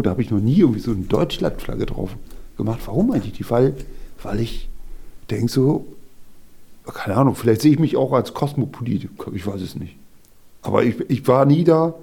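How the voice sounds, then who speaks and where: Husky, musing podcast host. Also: male voice, medium pitch, warm tone. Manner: musing, hesitant, thinking aloud. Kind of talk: casual chat.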